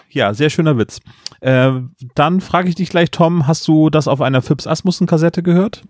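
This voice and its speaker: A man hosting a casual podcast chat, relaxed, asking questions and tossing in remarks. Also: a little high, normal speed.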